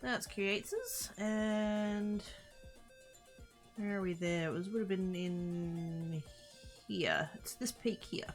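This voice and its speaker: A woman's voice: mid-range voice, slow pace, faint music behind. A woman livestreamer chatting casually and playfully with her viewers, rambling and easily sidetracked. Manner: playful, informal greetings to chat.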